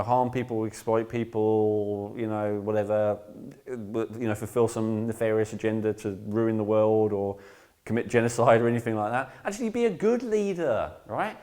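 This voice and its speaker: A man's voice: medium pitch, a little mellow. A man teaching an online course in a casual, rambling lecture, emphatic and blunt, often checking in with "right?". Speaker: course instructor.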